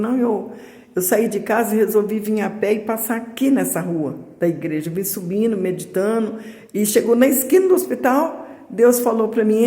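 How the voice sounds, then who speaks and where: A woman gives a personal testimony to her church congregation, halting and repeating herself as she addresses them as brothers and sisters. Her voice is mellow and dark in tone. It rings through a large church hall with a long, echoing reverb. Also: mid-range voice. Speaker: church member giving testimony.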